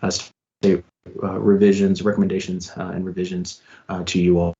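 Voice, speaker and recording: A man from a state education department presenting to a board over a video call, speaking haltingly with many fillers while his audio stream breaks up and cuts out. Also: sits low, level tone, mellow, lo-fi sound. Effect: remote audio stream breaking up and cutting out. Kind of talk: formal board meeting presentation.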